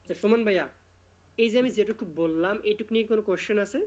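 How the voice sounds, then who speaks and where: A male tutor giving an online class lecture. He reads out points slowly, then explains them at length with frequent fillers and hesitations. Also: sits high, darkish tone, highs cut off. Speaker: literature tutor.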